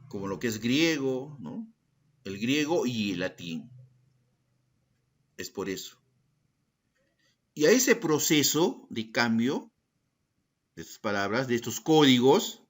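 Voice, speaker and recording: A male schoolteacher teaching a class, calling on students by name, repeating their answers and posing questions in their voice. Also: medium pitch. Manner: asks rhetorical questions in the students' voice. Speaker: secondary school language teacher.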